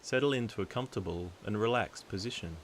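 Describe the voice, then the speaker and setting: Leading a guided meditation, a deep-voiced man speaks calmly and deliberately. He leaves long, soothing pauses between phrases, with a soft, steady hiss behind him.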